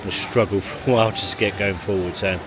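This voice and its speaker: Talking fast in a lowish, steady voice, a family vlogger rambles to camera and chuckles between remarks. He is outdoors in a car park, then at a leisure pool, recorded on a handheld vlog with loud background noise.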